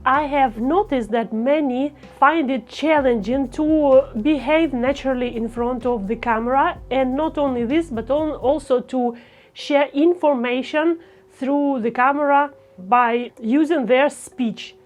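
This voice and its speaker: A woman speech coach talking to camera, with a careful, deliberate delivery and phrasing. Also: sits high, muffled recording. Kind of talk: instructional talk to camera.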